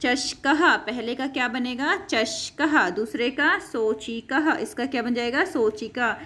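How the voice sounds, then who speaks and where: A woman's voice: a little high, slow pace, pushed and bright. A woman teacher taking children through a class lesson, patiently saying each word and repeating herself. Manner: patient, repeats words and calls students beta.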